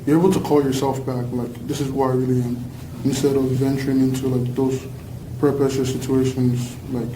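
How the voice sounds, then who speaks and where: A man's voice: medium pitch, level tone, a little fast, few pauses. A young man from Nigeria with a Canadian-influenced accent, giving casual, reflective answers hesitantly and saying "like" often. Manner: hesitant, frequent "like". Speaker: youth panelist. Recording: echoey, distant mic, faint noise.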